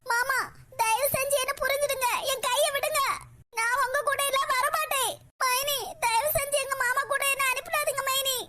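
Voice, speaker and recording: A woman's voice: extremely high pitch, fairly even intonation, normal speed, bright, forceful tone. A woman voicing a frightened young woman in a cartoon, tearfully pleading with a Kanyakumari Tamil accent. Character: frightened young woman begging her uncle.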